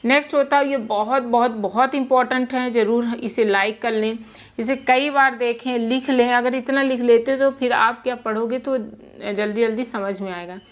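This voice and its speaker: A woman's voice: on the high side, steady tone, normal speed, highs cut off. A young woman teaching English pronunciation in a Hindi lesson, patiently repeating words and spelling out letters. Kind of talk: Hindi-language lesson explaining spelling rules.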